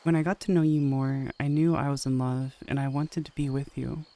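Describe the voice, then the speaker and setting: A man's voice: medium pitch, fairly even intonation, normal speed, mellow, close to an everyday voice. A man reading the lines of an earnest young male soldier who pleads with the woman he loves, in an audio story. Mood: tender.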